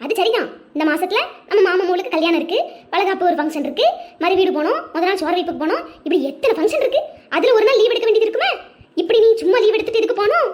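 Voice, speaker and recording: A woman's voice: very high-pitched, lively intonation, rapid-fire, lo-fi sound. A woman voicing a nagging older mother-in-law in a cartoon, scolding in a Tirunelveli Tamil accent. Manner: scolding, bossy. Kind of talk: cartoon voice acting.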